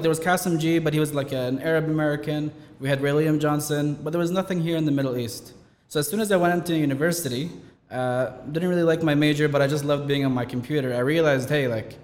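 A man, a company founder telling his story as an interview guest in lively, casual chat full of quoted asides. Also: fairly high pitch. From Canada. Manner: fast, animated storytelling with many likes and quoted asides. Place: event venue in Dubai. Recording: roomy hall reverb.

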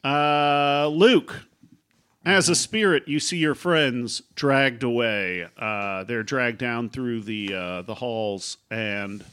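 A man acting as game master for a tabletop role-playing game improvises narration, halting and often searching for words as he describes scenes. His voice is medium-pitched, fairly bright and clean.

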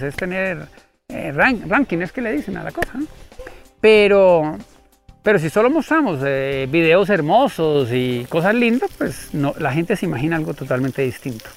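A man, an animal rescuer interviewed as a guest, telling stories expressively and acting out the voices and shouts. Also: high voice, very animated, moderate pace, faint music behind. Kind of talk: animated storytelling.

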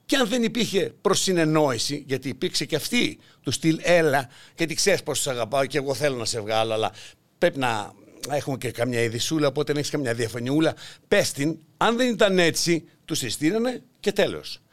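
An older man hosts a satirical political monologue on his podcast, mocking and theatrical, acting out voices along the way. His voice is slightly high and animated.

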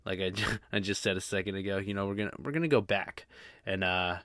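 A man hosting his own podcast in casual solo chat, rambling and halting, with many fillers and restarts. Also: low-pitched, a bit bright, dry recording, clean studio sound. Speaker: podcast host.

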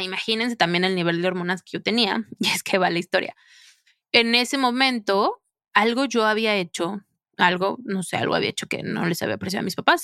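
A woman hosts her podcast and tells a personal story from her own life. She talks in a chatty, expressive way and leans on filler phrases. Her voice sits at an ordinary middle pitch and sounds close and dry. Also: no echo. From Mexico. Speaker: podcast host.

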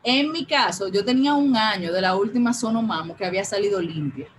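A woman's voice: medium pitch, brisk, a little hiss or hum, rough recording. A woman, telling her personal story as an interview guest and acting out the dialogue as she goes. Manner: animated, acts out quoted dialogue.

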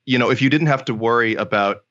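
A man's voice: medium pitch, fast, sharp tone, lo-fi sound. A man co-hosting a casual chat over a video call with a bad connection. He rambles, with restarts and fillers. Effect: breaking-up bad internet connection. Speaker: co-host asking the guest questions.

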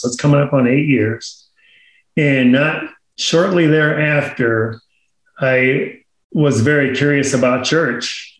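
A man sharing his faith testimony as a guest in casual talk, earnest and unhurried, with many fillers. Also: medium pitch. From Omaha area. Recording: roomy echo.

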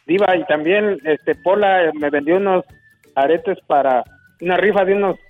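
A man phones in to a radio show. His fairly high voice comes through a thin phone line with faint music, in casual chat. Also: normal speed.

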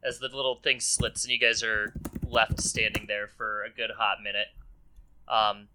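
A man's voice: on the low side, little pitch movement, normal speed, background noise. A man running a tabletop game as game master, narrating loosely with many ums and uhs.

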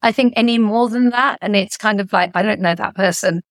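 A middle-aged woman, a founder and author, talks through her experiences in a thoughtful interview voice. Her pitch sits in a middle range and the recording is dry and close-miked. She gets lively whenever she retells a story. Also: a little fast, no echo. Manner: reflective, animated when retelling stories. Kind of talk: conversational interview.

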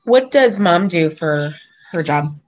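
A woman podcast host who has lost her voice, talking in a hoarse, raspy, whispery way as she casually interviews children. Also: lowish voice, lively intonation, slow, a little mellow, lo-fi sound.

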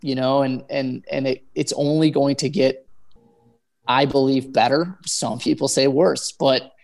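Guy just chatting unscripted, mid pitched voice, rambly and halting, casual storyteller type. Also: vocal fry. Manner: halting, rambling, animated storytelling with acted-out quotes. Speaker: chef, guest on the show. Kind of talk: casual chat, natural unscripted talk.

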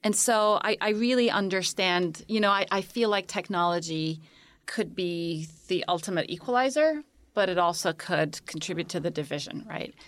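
As a panel guest, this woman from Egypt, founder of a tech company, lays out her ideas with plenty of examples, articulate and full of enthusiasm. She speaks at a normal pace in a fairly low voice, with no room sound on the recording.

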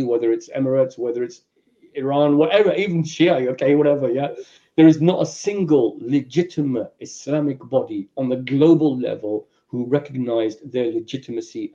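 London man, podcast guest, lecturing, mellow voice, dull lo-fi mic. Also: mid-range voice. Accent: London English. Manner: animated, acts out voices in his examples, fast asides. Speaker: Islamic speaker, podcast guest. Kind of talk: lecture-style explanation in a podcast.

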